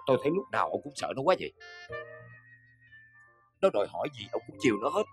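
A man's voice: medium pitch, very animated, fast, faint music behind, close to an everyday voice. An actor playing an exasperated middle-aged male company boss, grumbling and incredulous, with a Southern Vietnamese accent. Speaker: company owner.

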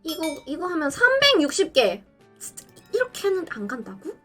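A text-to-speech woman's voice giving gameplay commentary, excitable, with dramatic outbursts and pleading. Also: extremely high pitch, brisk, faint music behind. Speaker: game streamer.

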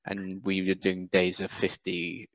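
A low-pitched British man in his thirties who was raised in Wales and founded a cap business talks easily as an interview guest, though his speech is halting and full of fillers and restarts. He uses a headset on a video call indoors, and the audio is dull, dry and free of room sound.

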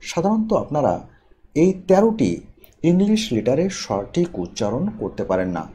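Male tutor, mellow tone, animated pitch, methodical delivery of rules and word lists. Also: slight background noise. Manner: slow, deliberate, stresses key terms, reads out example words one by one. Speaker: English teacher. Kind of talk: instructional explanation.

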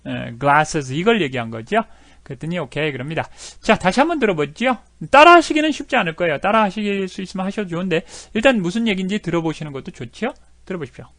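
A middle-aged man explains English phrases in a chatty, filler-heavy way. His voice sits high and swings in lively pitch. The sound is dry and close. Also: fast, no echo. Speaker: English teacher. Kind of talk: explaining lesson with video clips.

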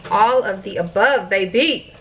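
A woman's voice: mid-range voice, unhurried, fairly bright tone, slight background noise, poor audio. A young woman in her twenties chatting casually through a home cooking vlog, laid-back and giggly. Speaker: vlogger. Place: home kitchen. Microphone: camera set in the microwave.

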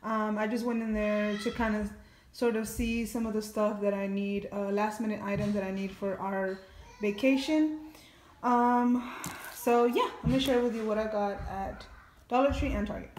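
A woman's voice: medium pitch, steady tone, normal speed, a little mellow, roomy sound, a little hiss or hum. A woman in her thirties chatting casually through a haul video at home, with lots of ums and likes. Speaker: family vlogger. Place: home kitchen, indoors.

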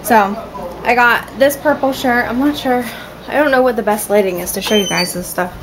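A woman's voice: a little high, normal speed, background noise. A woman vlogging from home in a casual, rambling way, with lots of ums and restarts. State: has the hiccups. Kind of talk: casual vlog chat. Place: at home, indoors.

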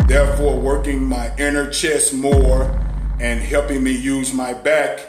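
A man doing a deadpan, mock-solemn action-hero parody, speaking in clipped, robotic phrases. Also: mid-range voice, measured pace. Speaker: comedic fitness vlogger. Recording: roomy echo with loud music.

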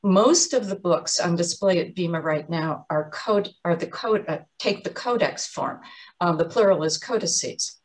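A woman giving an explanatory museum talk on artist's books, measured and often pausing with um and uh. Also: on the low side. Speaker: art lecturer.

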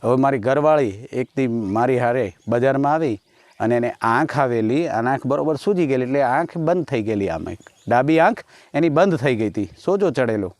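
A man tells rustic village jokes, slipping into the voices of his characters as he goes. His voice sits at a plain middle pitch. The sound is dry and close, with no room around it. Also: animated, normal speed, a little mellow, dry recording. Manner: telling jokes in a rustic village dialect, acting out every character. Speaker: stand-up comedian. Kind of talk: Gujarati folk comedy storytelling.

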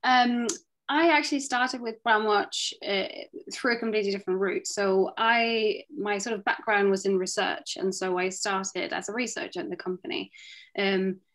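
A woman's voice: medium pitch, fairly even intonation, normal speed, fairly bright tone, rough recording. Hesitant woman answering on a panel. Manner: hesitant, many fillers and restarts. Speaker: panelist, product director. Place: home room, indoors. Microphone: video call.

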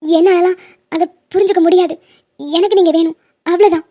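Lady doing an obsessed young girlfriend type, pleads nonstop, super high pitch, lo-fi. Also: fairly even intonation, brisk, warm tone. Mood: pleading. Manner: pleading, insistent. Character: young woman, obsessed and scheming in love.

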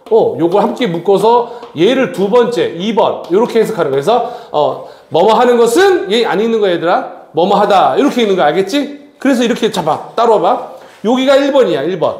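Middle-aged male teacher, bright lively delivery swooping up and down, chatty with students, roomy classroom sound. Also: high voice. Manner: animated, addresses students as kids, frequent tag questions. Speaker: academy English teacher. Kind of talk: classroom grammar lecture. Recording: echoey classroom.

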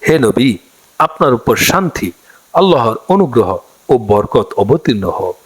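Guy teaching prayers, slow careful recitation, voice goes way up and down. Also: mid-range voice, very animated, slightly rough. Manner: slow, deliberate recitation of prayers, then plain explanation. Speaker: religious teacher. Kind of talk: instructional religious lesson.

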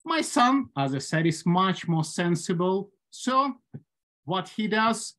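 A Ukrainian-accented man in his forties gives a prepared humorous speech at an online club meeting, heard through a video call. He uses dry humor and measured phrasing, and his high, slightly bright voice has lively intonation.

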